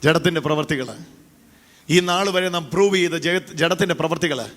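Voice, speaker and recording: A man's voice: a little high, normal speed, a bit bright. A man preaching a call-and-response sermon into a handheld mic, urging the congregation to repeat after him. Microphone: handheld microphone. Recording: echoey hall reverb.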